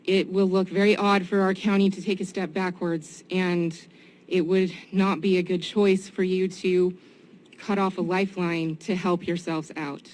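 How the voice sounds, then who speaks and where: A woman giving public comment and answering questions, sincere and somewhat halting. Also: lowish voice, flat delivery, darkish tone. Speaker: citizen giving public comment at a county meeting. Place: indoor public meeting room. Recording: noisy meeting room ambience.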